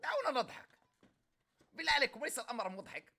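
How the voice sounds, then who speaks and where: Egyptian male streamer, Egyptian Arabic accent, bright edgy tone, sarcastic comment reactions. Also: very high-pitched, huge pitch swings, racing, gravelly. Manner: mocking, sarcastic, reads comments aloud.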